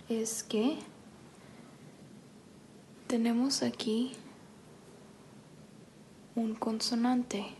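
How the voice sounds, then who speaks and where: A woman teacher working through a grammar lesson in a slightly high, gravelly voice. She talks slowly and softly and says every sentence twice, once in Spanish and once in English. A faint hum sits behind her. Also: poor audio. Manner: slow, careful, soft-spoken delivery.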